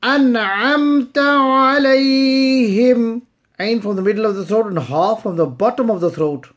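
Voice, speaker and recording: A woman teaching recitation, chanting verses slowly and then explaining pronunciation rules in brisk spoken asides. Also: mid-range voice, animated, warm tone, husky. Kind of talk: slow tajweed lesson.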